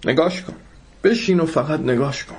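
A man voicing a grave, calm village doctor who explains things earnestly. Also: fairly high pitch, breathy edge, pitched above the performer's own voice.

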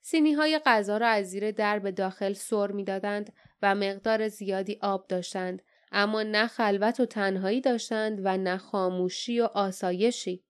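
Brief: woman audiobook narrator, measured reading, smooth clear resonant voice. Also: mid-range voice. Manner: measured, even storytelling. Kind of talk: scripted narration.

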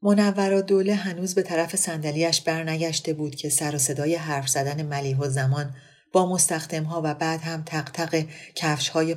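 A woman storyteller giving a measured, literary scripted narration of a novel. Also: sits low, a little mellow.

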